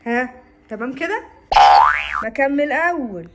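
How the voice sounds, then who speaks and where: A woman playing a bossy, short-tempered Egyptian mother who scolds fast and brusquely in an Egyptian accent. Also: high voice, expressive, very noisy. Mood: scolding. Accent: Egyptian Arabic. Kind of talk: comedy sketch acting.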